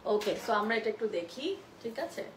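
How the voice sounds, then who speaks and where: A woman's voice: mid-range voice, animated, moderate pace, slight background noise, low-quality recording. A woman in her thirties with a Bangladeshi accent, chatting casually as she shows clothes on a live stream and reads viewer comments, switching between Bengali and English. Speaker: live sale host.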